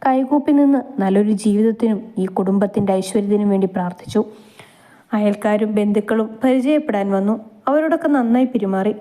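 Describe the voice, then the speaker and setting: A woman reading a romantic family story aloud in a gentle, steady storytelling manner. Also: medium pitch, a little fast.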